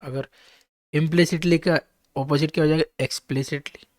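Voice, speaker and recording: A man's voice: a little high, steady tone, moderate pace, a little mellow, no room sound, clean studio sound. A man teaching English vocabulary to exam students, spelling each word out letter by letter and checking in with his listeners.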